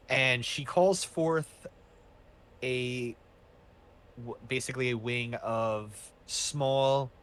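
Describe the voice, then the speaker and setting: A man's voice: medium pitch, a bit bright, a little hiss or hum. A man narrating as game master in a casual, loose way, with many fillers and restarts.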